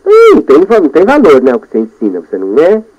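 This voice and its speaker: A Brazilian man hosting a radio show, talking in a lively monologue and coaching himself aloud, going from loud bursts to soft murmurs. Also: fairly high pitch, racing. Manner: animated, talks to himself, shifts between loud and soft. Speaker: radio host. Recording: dull lo-fi radio broadcast.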